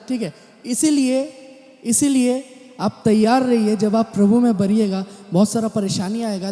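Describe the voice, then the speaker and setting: A pastor with a high voice and dark tone gives a sermon in a big church hall, where the sound echoes with long reverb. Amens and hallelujahs punctuate his preaching, which mixes in English words.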